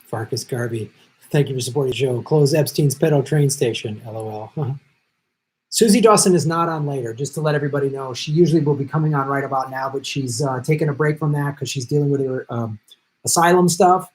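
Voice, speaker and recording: Reading viewer comments on his live stream, a middle-aged man keeps up a chatty patter with quick asides and thanks viewers by name, though he's jet-lagged and his voice is going. It's a mid-range, slightly mellow voice on a rough recording.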